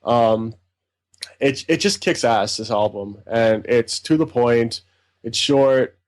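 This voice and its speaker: A man's voice: medium pitch, takes it slowly. A man co-hosting a casual podcast, reviewing albums in a rambling, enthusiastic way. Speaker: podcast co-host, music reviewer.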